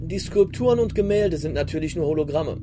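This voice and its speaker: Thrawn, calm high-voiced grand admiral played by a man. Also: noisy background, natural voice. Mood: calm, cultured. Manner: measured, coolly authoritative, didactic. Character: calm, cultured, commanding male grand admiral of a space fleet. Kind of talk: sci-fi audio drama acting. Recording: loud music behind the voice.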